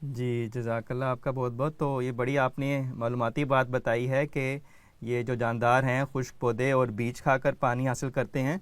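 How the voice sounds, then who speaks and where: Man, children's show host, teaching quiz, patient, clear resonant voice, dry close sound. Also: mid-range voice, flat delivery, no room sound. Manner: patient, calls on children by name.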